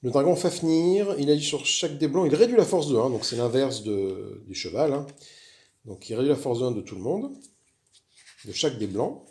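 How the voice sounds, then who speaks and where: Casual male host, chatty and rambling, slightly gravelly voice. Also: mid-range voice, lively intonation, normal speed, warm tone. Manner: chatty, rambling, frequent restarts and fillers. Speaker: board game video host. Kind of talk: casual solo game walkthrough.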